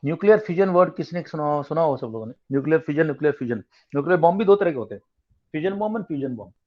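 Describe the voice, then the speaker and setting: A man's voice: on the high side, animated, very fast. A man with a slightly raised voice tutors students over an online class, switching between Hindi and English as he explains. He asks the class questions as he goes. The sound is muffled and lo-fi.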